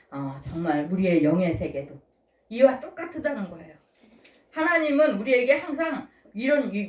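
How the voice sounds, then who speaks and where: A woman's voice: a little high, darkish tone. An older woman pastor giving a conversational sermon, often putting questions to the congregation. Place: church. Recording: echoey room from far off.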